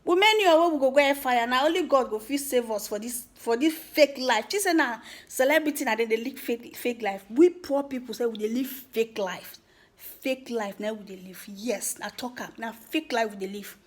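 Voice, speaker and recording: A woman's voice: fairly high pitch, moderate pace. A woman with a Nigerian accent speaks Nigerian Pidgin in an informal, emphatic rant to viewers, teasing and repeating words for effect. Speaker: vlogger giving social commentary.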